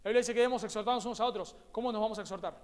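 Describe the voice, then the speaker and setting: A man's voice: high-pitched, rapid-fire. A man with an Argentine accent preaching a sermon as pastor, emphatic and repeating his key words. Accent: Rioplatense Spanish. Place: church hall. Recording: echoey church hall.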